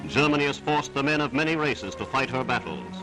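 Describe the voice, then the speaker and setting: A male narrator from an old newsreel, delivering scripted wartime commentary with emphatic, declamatory punch. His voice sits at a middle pitch. Loud orchestral music plays beneath him throughout. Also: expressive, brisk, low-quality recording. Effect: old newsreel recording.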